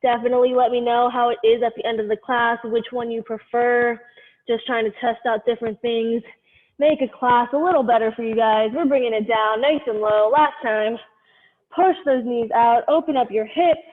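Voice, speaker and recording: A woman's voice: fairly high pitch, fairly even intonation, normal speed. A woman leading a live workout class over a headphone mic, cueing each movement step by step in a directive way. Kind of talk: live group exercise instruction. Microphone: headphone microphone. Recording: muffled lo-fi headset sound, long reverb.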